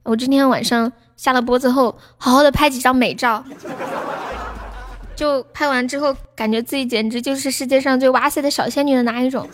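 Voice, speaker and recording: A woman's voice: sits high, fairly even intonation, brisk, a little hiss or hum. A woman hosting a livestream, chatting casually and playfully with viewers. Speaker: livestream host. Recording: music playing behind the voice.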